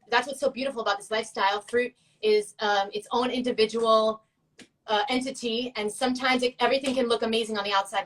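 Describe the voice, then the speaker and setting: A chatty woman with a fairly high voice, joking and laughing as she talks. She sounds a little distant, set back from the microphone. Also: fairly bright tone. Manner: chatty, laughing, playful asides. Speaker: co-host. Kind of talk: casual chat.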